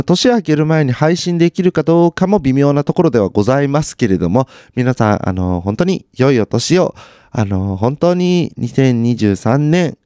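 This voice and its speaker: A man's voice: medium pitch, dark tone, clear, resonant tone, no room sound, studio quality. A man chatting casually on his own while watching TV, with chatty asides and self-deprecating remarks. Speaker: solo podcaster.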